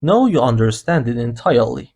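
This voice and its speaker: His mid-range voice is darkish, brisk, and full of big pitch swings. As a language teacher, he delivers a slow, explanatory lesson for beginners, taking the grammar rules one patient step at a time.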